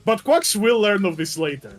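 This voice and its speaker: A man's voice: high-pitched, very animated, normal speed. A man narrating a tabletop game as game master, casual and improvised, speaking to his players. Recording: music playing behind the voice. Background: background music.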